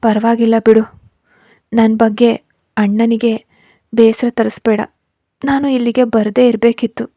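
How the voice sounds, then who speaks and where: A tearful young wife, as a woman narrator puts her on, subdued and resigned. The voice is fairly high and mellow, recorded close and dry. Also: little pitch movement, unhurried, long pauses, no echo.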